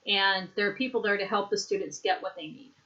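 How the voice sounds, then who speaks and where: A woman teaching English, leading a slow repeat-after-me drill and patiently explaining words and pronunciation. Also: medium pitch, steady tone, pushed and bright, dull audio.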